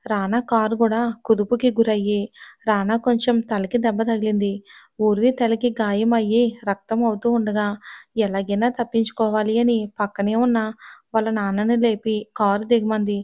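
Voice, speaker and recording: A woman narrating a serialized audio story in a steady, measured way. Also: a little high, no room sound.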